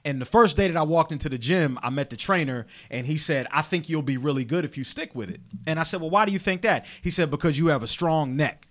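A man hosting a podcast in casual chat, animated and laughing, often restarting his sentences. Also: fairly high pitch, fast talker, few pauses. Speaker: podcast host.

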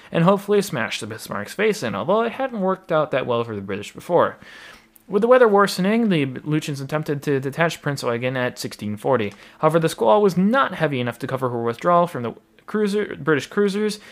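A man casually narrating naval history, with lots of fillers, restarts and wry asides. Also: fairly high pitch. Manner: rambling, many fillers and asides, wry humor.

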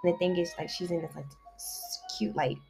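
A woman's voice: fairly low pitch, steady tone, a little fast, creaky, darkish tone, faint music behind. A woman casually retelling a novel's plot, rambling along with constant fillers like "like" and "you know". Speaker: book summary vlogger. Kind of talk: casual story recap.

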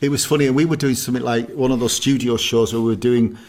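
A middle-aged podcast co-host talks fast in a mid-range, a little mellow voice with fairly even intonation. He's a chatty storyteller in casual conversation, laughing often.

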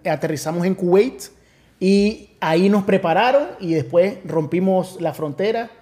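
A man's voice: sits high, moderate pace, warm tone. A man in his forties, a pastor invited as guest, affirming often and recounting events at length in a casual interview.

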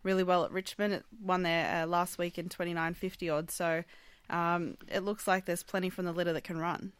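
A woman's voice: fairly low pitch, little pitch movement, a little fast, smooth, no room sound. A woman with an Australian accent discussing racing as a co-host on sports radio.

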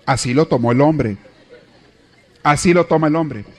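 A man teaching a marriage class in a lively lecture. He jokes and acts out little scenes. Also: a little high, normal speed.

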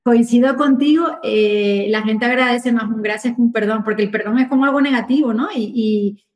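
A middle-aged woman, chatting as an interview guest about handling clients, lively and full of fillers. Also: on the high side, normal speed, low-quality recording. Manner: lively, warm storytelling with many fillers. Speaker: guest, real estate agent. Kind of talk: casual interview chat.

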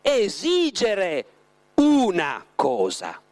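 A man reading aloud and voicing a suave, mocking male devil who speaks slowly and ironically. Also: high-pitched, voice pushed up. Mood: mockingly patient. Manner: slow, drawn-out, ironic delivery.

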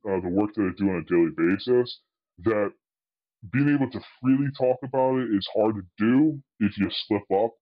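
A man's voice: lowish voice, lo-fi sound. A man whose voice is altered to hide who he is, answering interview questions hesitantly with many fillers and restarts. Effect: voice altered to disguise identity. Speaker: anonymous guest, tech specialist.

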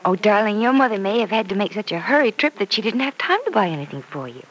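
An actress playing a kindly, reassuring aunt, gentle and indulgent, in an old-time radio soap. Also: female voice, mid-range voice, lively intonation, fast talker, lightly acted. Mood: gently teasing. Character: kindly, reassuring aunt fond of a little girl. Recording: noisy vintage radio recording.

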